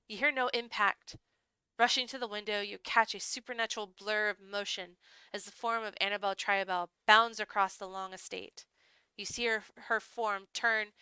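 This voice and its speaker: A woman's voice: medium pitch, bright, forceful tone, clean tone, dry recording. A woman streamer reading a visual novel aloud with chatty, laughing asides, her throat drying out. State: voice going hoarse, throat dry.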